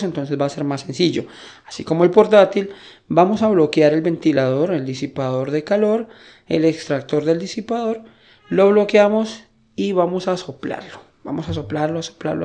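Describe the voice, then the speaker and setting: A tech tutorial host on computer maintenance walks through each step casually and keeps checking that listeners are following. His voice sits a little high and has a dark tone.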